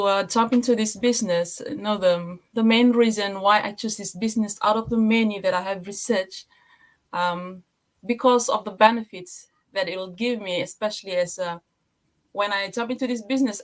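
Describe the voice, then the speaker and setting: Guest, woman from Fiji, plain friendly delivery, mid pitch. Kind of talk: casual online live chat.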